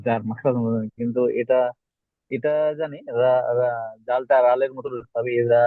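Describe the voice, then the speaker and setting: A man's voice: mid-range voice, level tone, normal speed, dry recording. A man reading verses as a student in an online class, hesitant and restarting his words. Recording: tinny call audio.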